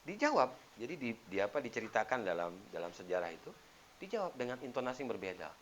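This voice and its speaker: A man preaching a sermon as an ustadz, telling stories and acting out the quoted lines with sudden loud bursts. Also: medium pitch, sing-song, fast, lo-fi sound.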